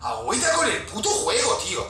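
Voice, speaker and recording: A man's voice: very high voice, sing-song, brisk, gravelly, echoey room, recorded from a distance, music in the background, rough recording. A man with an accent from Spain nervously commentating a horror game, swearing a lot and yelping at scares. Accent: Spain Spanish. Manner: jumpy, swearing, nervous chatter with sudden yelps. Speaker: gaming youtuber.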